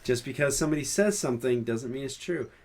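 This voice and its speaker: A man's voice: mid-range voice, animated, quick pace. A man co-hosting a podcast, chatting casually and restarting his sentences with frequent fillers. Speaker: podcast co-host. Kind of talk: casual chat.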